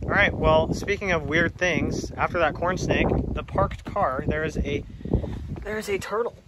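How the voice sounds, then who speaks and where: A man's voice: fairly high pitch, moderate pace, very noisy. A man in his twenties vlogging casually, with slangy, incredulous talk and a habit of repeating phrases, recorded outdoors on a handheld camera. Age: 20s. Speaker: vlogger on a snake-finding trip. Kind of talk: casual excited vlog talk. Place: outdoors at night, parking lot and roadside.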